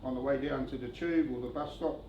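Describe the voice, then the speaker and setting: A man giving a eulogy for his brother-in-law, telling relaxed, joking stories at a funeral. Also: mid-range voice, brisk, muffled recording. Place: function venue. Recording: echoey venue with background noise.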